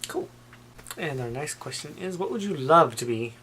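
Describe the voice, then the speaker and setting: Joking man with a lively voice. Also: a little high, normal speed, a little hiss or hum, poor audio. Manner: joking, dry. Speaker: vlogger's boyfriend. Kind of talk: casual chat.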